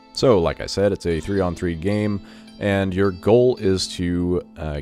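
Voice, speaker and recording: A man's voice: deep voice, darkish tone. A man hosting casual first-impressions video game commentary, talking informally as if thinking aloud. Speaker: video game review host. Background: music.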